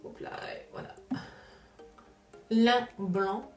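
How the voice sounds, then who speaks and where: A woman's voice: on the high side, extremely slow, distant mic. A woman hosting a casual craft unboxing vlog, chatty and hesitant, with many filler sounds. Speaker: craft vlogger host. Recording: roomy echo, voice away from the mic, music behind. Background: background music.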